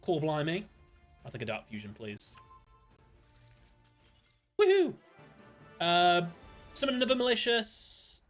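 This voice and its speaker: A British man chatting casually while streaming a card game, thinking aloud, greeting viewers and breaking into sudden excited outbursts. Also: fairly high pitch, a little fast, soft background music. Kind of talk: casual live-stream gameplay commentary.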